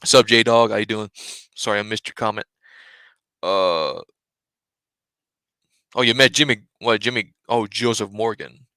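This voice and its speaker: A man's voice: lowish voice, fairly even intonation, measured pace, long pauses, sharp tone, smooth, no echo. A young man hosting a casual live stream, talking bluntly and rambling, swearing freely and sniffling between sneezes. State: sneezing, stuffy. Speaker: fan channel host.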